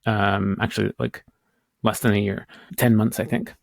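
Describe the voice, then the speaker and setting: A man's voice: fairly low pitch, little pitch movement, normal speed, gravelly, dry recording, clean studio sound. A man from the United States co-hosting a podcast, talking in a casual, hesitant, rambling way with many restarts. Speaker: podcast co-host. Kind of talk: casual chat.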